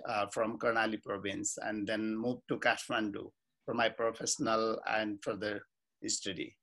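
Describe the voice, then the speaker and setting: Slow-talking Nepali man, halting. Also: medium pitch, a bit bright. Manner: slow and searching, many fillers and restarts. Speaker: life coach and social activist. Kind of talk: self-introduction to camera. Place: small indoor room with plain wall.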